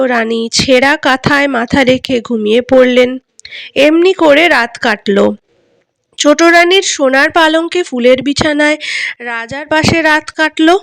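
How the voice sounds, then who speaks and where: A woman reading a classic fairy tale aloud with measured, expressive recitation. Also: high-pitched, vocal fry, dry recording. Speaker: reader.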